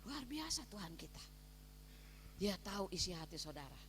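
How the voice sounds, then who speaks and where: A woman pastor preaching a sermon, swinging between soft asides and loud, emphatic calls to her listeners. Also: on the low side, very animated, normal speed, a little hiss or hum. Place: prison hall, preaching to inmates. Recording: long hall reverb.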